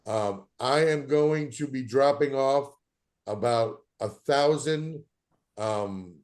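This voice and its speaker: A man's voice: medium pitch, takes it slowly, darkish tone. Man chatting as a podcast host. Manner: storytelling, many restarts and quoted voices. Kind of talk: casual chat.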